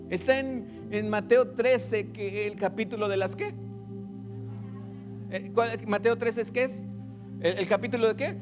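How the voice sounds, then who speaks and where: A man with a Mexican Spanish accent preaching a sermon as pastor, animated, acting out the voices of congregants. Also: high-pitched, a little slow, long pauses. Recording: music playing behind.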